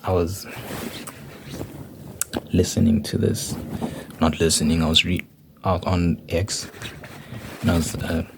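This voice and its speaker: Guy w a really low voice just thinking out loud casually, noisy recording w clicks. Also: little pitch movement, takes it slowly, gravelly, pauses often. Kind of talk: casual rambling talk.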